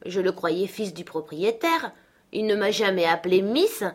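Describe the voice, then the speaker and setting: A woman reader voicing a spoiled, haughty young girl who is quick to tears, speaking imperiously. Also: medium pitch, sing-song, breathy edge. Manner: imperious, indignant. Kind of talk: audiobook character voice.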